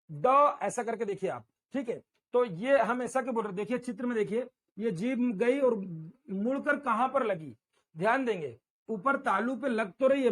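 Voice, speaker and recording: A male teacher giving a classroom lecture, drilling syllables aloud and urging students to repeat after him. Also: high-pitched.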